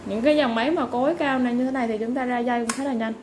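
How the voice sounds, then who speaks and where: High-voiced woman pitching products over background noise. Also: steady tone, rapid-fire, a little mellow. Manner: polite, informal listing with repeated stock phrases. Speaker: online seller of used fishing reels. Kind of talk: live product sales pitch, item by item. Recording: clearly noisy background ambience.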